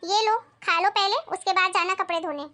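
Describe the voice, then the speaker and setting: A woman's voice: very high-pitched, steady tone, a little fast, pushed and bright. A woman playing a short-tempered, bossy daughter-in-law in a comedy family skit, scolding sharply and sarcastically. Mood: harsh.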